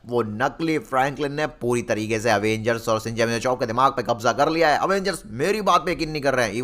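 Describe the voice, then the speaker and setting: A man's voice: mid-range voice, a bit bright. A young man narrating a video game story dramatically, speaking directly to his viewers and asking them to comment. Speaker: gaming YouTuber. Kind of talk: excited gameplay narration.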